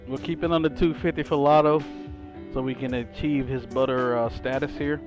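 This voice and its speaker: A man's voice: medium pitch, steady tone, moderate pace. A man chatting casually on a livestream as he plays a flight simulator. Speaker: flight simulator live streamer. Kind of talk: casual livestream chat while flying. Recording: slightly dull audio, faint music behind.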